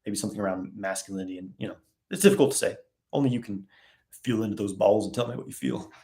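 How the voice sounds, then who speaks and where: A man hosting a casual live Q&A, reading viewer questions aloud and answering in a relaxed, rambling way. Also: lowish voice, fast. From West.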